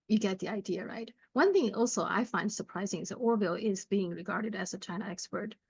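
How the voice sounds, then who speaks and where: A woman hosting her own channel, reading viewer comments aloud and then giving her commentary in a measured way, often pausing on "uh". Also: medium pitch, gravelly, husky, dry recording, dull audio. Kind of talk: commentary on current affairs.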